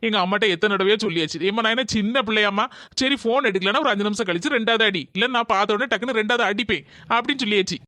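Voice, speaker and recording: A woman's voice: medium pitch, racing, sharp tone, no room sound, close to an everyday voice. Woman voicing a breezy, exasperated young son. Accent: Kanyakumari Tamil. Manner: breezy, complaining. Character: easygoing young adult son, mildly exasperated.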